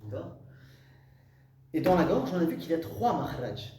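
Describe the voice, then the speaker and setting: A man's voice: on the high side, very animated, normal speed. Male teacher explaining in an echoey classroom. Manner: explains step by step, repeats terms, asks "ça va?". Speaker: Quran recitation teacher. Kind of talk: classroom lesson explaining Arabic letters. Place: classroom with students. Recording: roomy echo, distant mic, faint hum.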